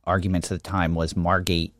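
A man's voice: low-pitched, flat delivery, a little fast, no room sound, studio quality. A man talking casually as a podcast co-host. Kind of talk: casual chat.

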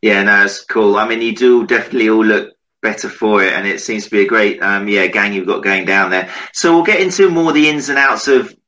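A man's voice: lowish voice, brisk, few pauses, bright, forceful tone, rough recording. A man, casually hosting an online interview from home, talking informally to the viewers and his guest. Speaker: online show host. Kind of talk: casual interview and introduction to camera. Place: home office.

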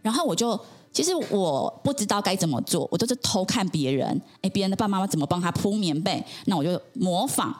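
A woman's voice: mid-range voice, lively intonation, quick pace, darkish tone. A woman, a podcast guest earnestly telling her personal story in conversation, with frequent affirming interjections.

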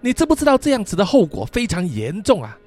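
A man's voice: high voice, wildly swooping pitch, fast, a little mellow, soft background music, voice pushed up, exaggerated voice. A male storyteller voicing a stern village boy who scolds coldly and sighs in exasperation. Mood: cold scolding. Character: stern, cold dark-skinned local boy.

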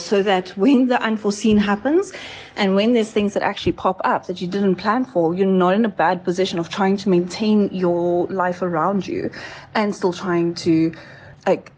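A woman's voice: medium pitch, a little mellow, husky. A woman speaking earnestly in a recorded listener message, giving motivational advice. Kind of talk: recorded monologue.

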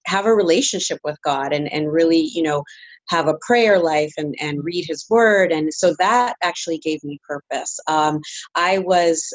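A woman from San Francisco speaks as an interview guest, earnest and reflective, with frequent "um"s and "you know"s. Her voice sits somewhat low. The recording is dry with no room sound. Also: normal speed, no echo, highs cut off. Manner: earnest, reflective, many fillers. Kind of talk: interview answers.

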